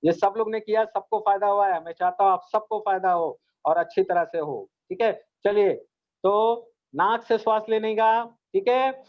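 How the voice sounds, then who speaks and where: Earnest high-voiced man teaching students. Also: normal speed. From India. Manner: earnest, repetitive coaxing, addresses students directly. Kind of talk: guided meditation lesson for students. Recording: dull lo-fi recording.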